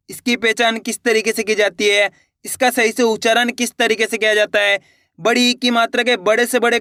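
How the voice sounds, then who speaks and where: A man's voice: very high voice, sharp tone, no echo, clean studio sound. A man teaching Hindi reading in a classroom-style video lesson, coaxing learners to repeat each sound and promising easy results. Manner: emphatic, promises guaranteed results.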